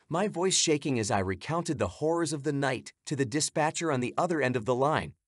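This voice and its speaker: A man's voice: medium pitch, no room sound, clean studio sound. A man giving scripted, suspenseful narration of a horror story.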